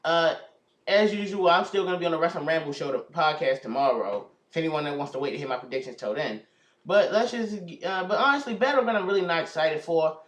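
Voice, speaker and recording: Young male host, quick rambling delivery, a bit high, recorded far from the mic in a roomy space. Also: fairly bright tone. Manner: rambling, self-correcting, restarts often. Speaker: host of a prediction video. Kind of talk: casual wrestling predictions chat. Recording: echoey room, mic far off.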